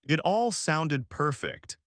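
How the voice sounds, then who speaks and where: A man reading a scripted documentary narration in a measured, dramatic storytelling manner. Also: on the high side, animated, fairly bright tone, dry recording, studio quality.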